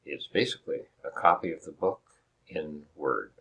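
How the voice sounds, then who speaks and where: A man with a very low, deep voice delivers a recorded lecture over slides. He explains each term step by step, restarts his sentences often and poses rhetorical questions to his students. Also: lively intonation, normal speed, vocal fry, sharp tone, husky. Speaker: instructor.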